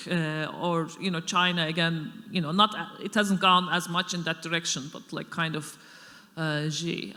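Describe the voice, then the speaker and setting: This middle-aged woman lecturer has a sharp tone and a voice on the low side. She gives an unscripted answer to audience questions, thinking aloud with plenty of fillers and restarts, recorded in an echoey lecture hall.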